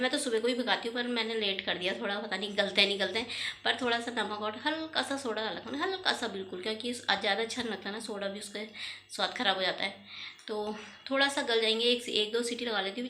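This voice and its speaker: A woman vlogger narrating her home cooking in a fast, chatty voice-over. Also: mid-range voice, pushed and bright, slight background noise. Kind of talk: casual cooking vlog voice-over.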